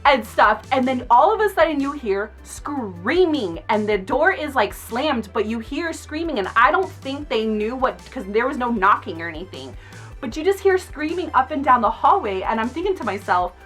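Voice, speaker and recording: A young adult woman, a makeup artist, telling a casual storytime on her vlog in an outspoken, animated way, laughing often. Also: high voice, normal speed, faint music behind.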